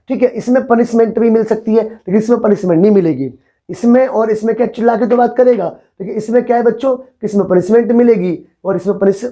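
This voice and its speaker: Mellow-voiced male vocabulary teacher. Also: high voice. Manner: explains patiently, repeats words, often asks the class if they follow. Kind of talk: classroom vocabulary lesson.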